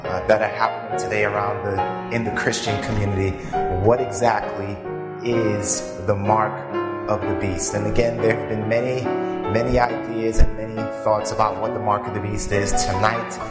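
A man delivering a sermon in a deliberate, rhetorical manner, as a preacher addressing a congregation. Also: fairly low pitch, little pitch movement. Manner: deliberate, rhetorical, pausing for audience to fill in words. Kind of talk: sermon with scripture readings and questions to the congregation. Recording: echoey hall, long reverb, music behind.

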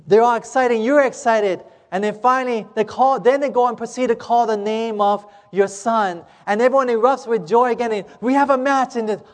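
A man preaching a sermon, telling a parable in a dramatic, emphatic way and slowing down on key words. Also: sits high. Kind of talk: sermon storytelling. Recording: echoey hall.

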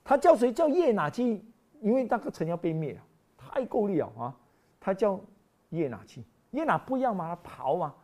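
Female preacher, sermon delivery, very expressive pitch, loud bursts and quiet asides, slow deliberate scripture reading. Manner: animated, swings between loud exclaiming and quiet asides; reads scripture slowly and deliberately.

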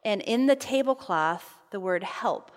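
A woman's voice: medium pitch, expressive, unhurried. A woman giving a conversational sermon at a camp meeting, earnest and personal, telling stories with fillers. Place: meeting hall. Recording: long reverb of a large hall.

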